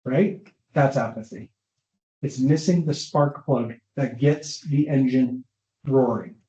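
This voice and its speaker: A man's voice: mid-range voice, slow, warm tone. A man giving an informal talk as a neuropsychologist, often stopping to check that his audience is following. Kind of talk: conversational lecture with audience questions. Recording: roomy, dull lo-fi online session audio.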